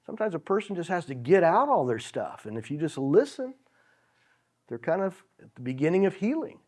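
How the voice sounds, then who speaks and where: A man's voice: a little high, sing-song, a little fast, darkish tone. A middle-aged man preaching a conversational sermon, chuckling as he acts out example phrases.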